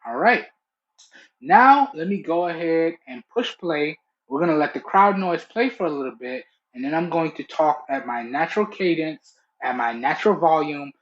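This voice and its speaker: Guy talking thru bluetooth earbuds mic, kinda muffled, voice a bit high. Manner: chatty, addresses viewers as y'all. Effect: recorded through Bluetooth earbud mic. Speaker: tech reviewer. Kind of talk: casual product review vlog.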